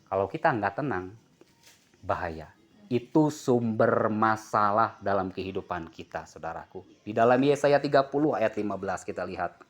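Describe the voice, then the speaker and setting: A low-voiced man preaches at a moderate pace, energetic throughout. Jokes and questions flow toward the congregation, and they answer him back.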